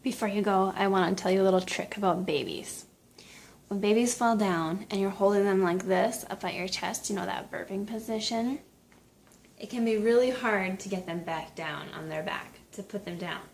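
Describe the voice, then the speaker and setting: A woman's voice: medium pitch, moderate pace, slight background noise. A young adult woman, a mom vlogger, chatting in an upbeat, instructive way and giving parenting tips. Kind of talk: casual vlog chat and parenting tips.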